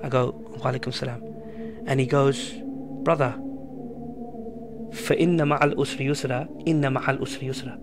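A man, telling a personal story in casual podcast chat, animated and full of slang. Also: mid-range voice, moderate pace, long pauses, noisy background. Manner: animated, slangy, repeats himself. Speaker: podcast guest. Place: small room with a poster wall. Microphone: studio mic on a stand.

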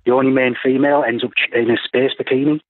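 A young man in his twenties speaks earnestly and deadpan as a caller on a radio show. His mid-pitched voice comes down a thin, tinny phone line that sounds dry and close. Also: quick pace, no room sound. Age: 20s. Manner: earnest, deadpan, indignant complaints. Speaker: student caller. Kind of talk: radio discussion guest.

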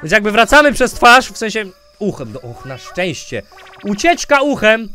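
A man giving jokey let's-play commentary, goofing around with silly name twists and sudden loud outbursts. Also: sits high, very animated, moderate pace, faint music behind. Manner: goofy, jokey, mispronouncing names on purpose, bursts of loud outbursts. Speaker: gaming YouTuber.

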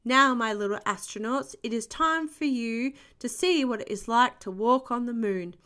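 A woman voicing a jolly old male rabbit astronaut who booms at the children. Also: moderate pace, pushed and bright. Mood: encouraging. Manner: booming.

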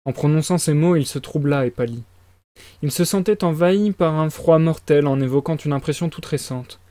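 A man on a live stream reading a novel aloud in a steady, expressive narration into a close mic. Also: fairly high pitch, moderate pace, dry recording. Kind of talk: audiobook reading.

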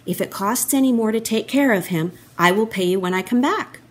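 A woman's voice: a little high, a little fast, slightly rough. A woman voicing a kind Samaritan man in a children's Bible story, reassuring and caring.

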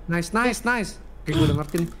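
A nervous man playing a co-op horror game, telling friends to stay calm and be patient. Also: fairly high pitch, a little fast, a loud crowd. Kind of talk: live gameplay banter.

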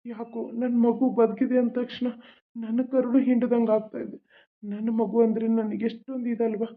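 A performer voicing a grieving young husband in a cartoon, emotional and pleading. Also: male voice, extremely high pitch, flat delivery, moderate pace. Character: grieving young husband searching for his lost child. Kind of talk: cartoon voice acting. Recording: tinny, phone-like sound.

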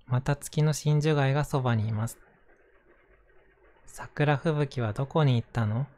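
A man reads a picture book aloud at a gentle, bedtime pitch of delivery. His dark, relaxed voice is soft and soothing, as if settling a child down to sleep. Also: unhurried. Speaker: storyteller reading picture books aloud to listeners.

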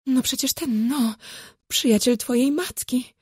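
A woman's voice: high-pitched, measured pace, darkish tone, slightly rough, no echo, clean studio sound, voice pushed up. A woman voicing a fussy, scheming middle-aged mother in an audiobook, who talks dramatically and drops into conspiratorial whispers. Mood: dramatic. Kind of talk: audiobook character voice.

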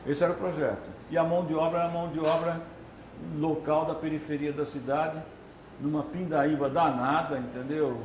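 Brazilian male filmmaker, relaxed lecture delivery, fairly high voice, reverberant room. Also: brisk, slight background noise. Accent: Brazilian Portuguese. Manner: chatty, keeps tagging "né?" and "entendeu?". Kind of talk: conversational video lecture.

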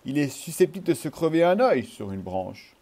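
Man playing a whiny, scolding old lady snake, a bit higher, storybook, mellow tone. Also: very animated, normal speed. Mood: gloomy. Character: fussy old female green python.

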